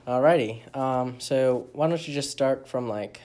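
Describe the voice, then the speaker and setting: Relaxed man hosting a faith podcast. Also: medium pitch, a little slow. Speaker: podcast host. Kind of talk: casual interview hosting.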